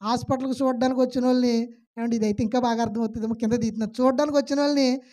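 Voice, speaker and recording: Woman preacher in a church, higher voice, fervent and questioning. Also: racing. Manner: animated, swinging between loud calls and quiet asides; asks the congregation rhetorical questions. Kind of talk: sermon.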